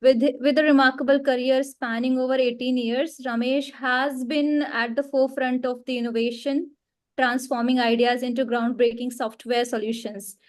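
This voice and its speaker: A woman hosting a webinar over a video call, halting and using many fillers. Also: high-pitched, flat delivery. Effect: heard over a video call. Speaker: host.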